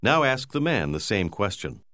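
A man narrating a language course, giving slow, clear, measured prompts. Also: fairly low pitch, very animated, sharp tone, no echo. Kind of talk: scripted instructional narration.

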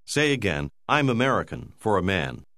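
A man narrating a language course, giving slow, clear, measured prompts. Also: lowish voice, big pitch swings, a bit bright, no room sound, studio quality. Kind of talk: scripted instructional narration.

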